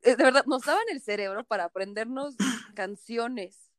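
A woman's voice: on the high side, fairly bright tone, no echo, studio quality. A woman hosting a casual chat with an old friend, bubbly and teasing. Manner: bubbly, teasing, quick to laugh. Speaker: podcast host.

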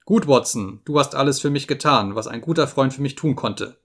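A man reading an audiobook, voicing a gravely ill detective who speaks weakly but gives urgent orders. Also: medium pitch, brisk, a bit bright. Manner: urgent, insistent, giving orders. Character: sick feverish detective, weak but commanding.

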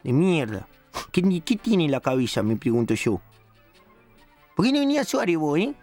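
A man's voice: on the high side, wildly swooping pitch, moderate pace, darkish tone, soft background music. A man playing a drunk, foul-mouthed old petty thief with an Argentine accent, rambling and hurling insults on a radio comedy show. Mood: ranting. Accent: Argentine Spanish. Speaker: comic character on a radio show.

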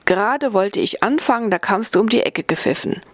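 A woman voicing a gentle, hospitable old male hermit monk who lives in a cave, read for a storybook. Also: medium pitch, animated, brisk, dry recording, close to an everyday voice. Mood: kindly. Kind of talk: storybook reading.

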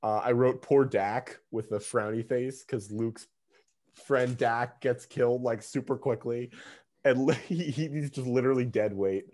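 A man co-hosting a casual movie podcast, enthusiastic and quick to laugh. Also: mid-range voice. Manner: enthusiastic, animated, laughs often. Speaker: podcast co-host.

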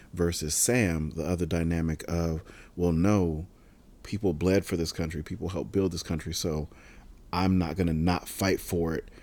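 A man hosting a podcast in casual conversation, enthusiastic and chatty, quizzing his co-hosts. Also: deep voice. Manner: enthusiastic, animated asides. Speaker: podcast host.

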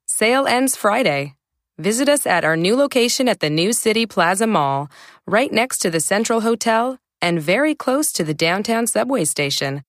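Actress as a lively female store-ad announcer. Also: medium pitch, no echo, studio quality. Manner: clearly enunciated, promotional. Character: upbeat female furniture store advertisement announcer. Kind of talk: scripted retail advertisement.

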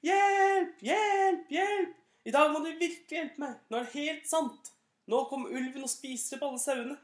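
A woman voicing a mischievous young shepherd boy who yells shrill cries for help in a storybook reading. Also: animated, close to an everyday voice. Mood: yelling. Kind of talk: storybook character voice. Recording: echoey room.

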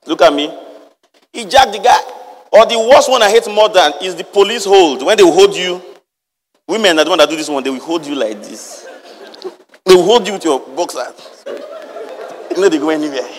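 A man's voice: sits high, animated, normal speed, pauses often, in a large hall. A man preaching a sermon, reading verses and firing rhetorical questions at the congregation. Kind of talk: lively sermon with Bible reading.

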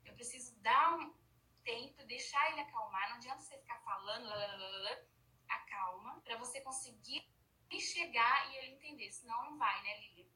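High-voiced woman educator, bright tone, heard from off-mic. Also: brisk, distant mic, poor audio. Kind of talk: casual conversation. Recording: voice a bit off-mic.

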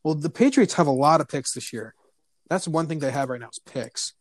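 A man's voice: fairly high pitch, brisk, dry recording. A man talking as a guest on a casual sports podcast, rambling and often restarting his sentences. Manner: rambling, hesitant, repeats words.

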